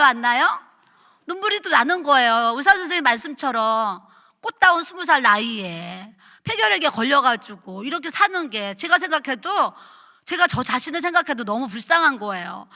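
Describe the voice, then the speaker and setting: A middle-aged woman pastor preaching at a revival, telling her own story in an animated, chatty way and acting out quotes. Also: high voice. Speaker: pastor, guest revival speaker. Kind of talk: sermon with personal testimony. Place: church sanctuary at a revival meeting. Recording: echoey church hall.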